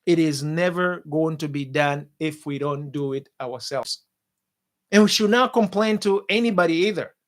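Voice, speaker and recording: A man with a fairly high voice delivers impassioned political commentary as a talk show host. He hammers his points home with repetition and talks straight to his viewers. His voice comes through a studio mic. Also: normal speed. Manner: forceful, repetitive, addresses viewers as guys.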